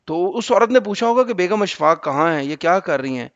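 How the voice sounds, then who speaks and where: Male teacher walking students through a reading lesson; patient, explaining each word; high voice, muffled sound. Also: lively intonation, dry recording.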